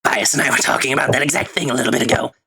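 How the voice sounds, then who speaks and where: A man playing a weary, reflective, gently concerned adventurer in a tabletop game, husky and gravelly, speaking haltingly. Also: mid-range voice, steady tone, slight background noise. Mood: gentle, reassuring.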